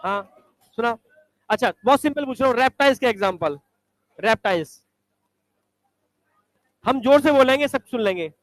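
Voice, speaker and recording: A male teacher quizzing students in a classroom, briskly ordering them to stand up and recite examples. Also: extremely high pitch, expressive.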